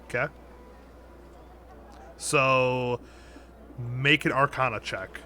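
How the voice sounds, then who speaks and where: A man narrating as dungeon master over a voice call, halting and restarting often. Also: mid-range voice, fairly even intonation, pushed and bright, a little hiss or hum. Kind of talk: running a tabletop game.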